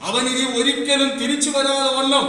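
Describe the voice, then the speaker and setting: High-voiced preacher in an echoey hall. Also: male voice, little pitch movement, normal speed. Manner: impassioned, swings from hushed to shouting. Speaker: pastor. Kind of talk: sermon. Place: church hall. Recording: echoey hall, mic far off.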